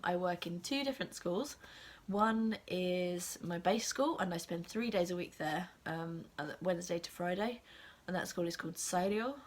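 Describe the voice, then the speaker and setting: Young English woman, sick with a cold, casual vlog chat, rambling with ums, slightly low voice. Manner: rambling, with frequent ums and soft half-whispered asides. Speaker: assistant language teacher and vlogger.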